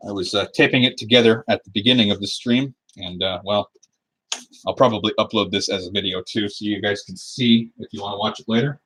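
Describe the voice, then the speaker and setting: A man in his twenties from the US Pacific Northwest livestreams from a lamp-lit desk at home while building a cosplay prop, chatting and rambling in an easygoing way. His voice is fairly low, steady and a bit bright with a breathy edge, and he talks a little fast. A webcam mic on his desk picks him up.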